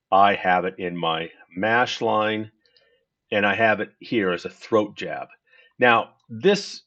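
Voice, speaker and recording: This gaming tutorial host, a low-voiced man with a slightly bright tone, explains his game setup during a casual screen-recorded walkthrough. He's unhurried and explanatory, often correcting himself, and the recording is lo-fi.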